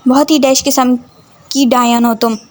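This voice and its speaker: A woman reading the part of a teasing young male student in a homemade audio story, pestering and cheeky. His voice stays high and light, as the narrator keeps close to her own voice. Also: fairly even intonation, normal speed, lightly acted.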